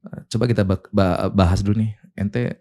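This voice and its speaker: A man from Indonesia tells his life story in a relaxed interview. His voice is low and dark. He shifts into the voices of the people he quotes as he goes. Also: normal speed. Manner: lively storyteller, voices quotes, laughs while telling. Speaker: guest, clothing business owner.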